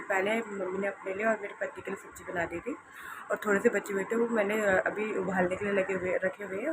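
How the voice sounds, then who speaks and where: A young woman narrating her day in a casual home vlog, hoarse and tired, rambling softly and repeating herself. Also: mid-range voice. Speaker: vlogger. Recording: noisy home recording.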